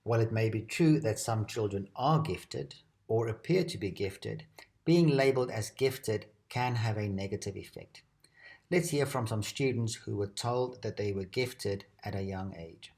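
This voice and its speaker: A man reading a scripted educational narration at a measured, steady pace. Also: on the low side. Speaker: presenter.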